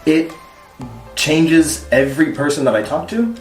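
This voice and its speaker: A man with an American accent, a guest in a casual interview who talks in a relaxed, chatty way and laughs easily. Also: fairly high pitch, a little slow, far from the mic. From United States. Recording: roomy echo with music behind.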